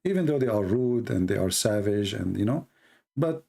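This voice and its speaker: This Middle Eastern talk show host has a fairly low, creaky, mellow voice with lively intonation and a moderate pace. A native Arabic speaker with an Arabic accent, he runs a debate show, mocking bluntly and casually in broken English.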